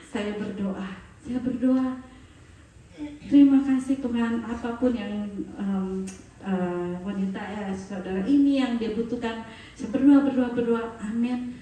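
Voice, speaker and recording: A high-voiced woman preaches a sermon in a storytelling way, acting out each exchange with a laugh. Her tone is mellow. She sounds distant from the mic, with strong echo from a church hall around her. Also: unhurried. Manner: animated, laughing, acts out quoted dialogue. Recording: echoey hall, voice from far off.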